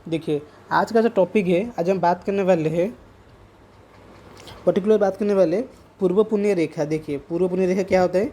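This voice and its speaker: Palm reader guy chatting to camera, mellow tone, repeats himself a lot, mixes in english words. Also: high voice, brisk, pauses often. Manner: repeats and rephrases points while explaining; sprinkles English terms into speech. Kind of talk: casual explaining to camera.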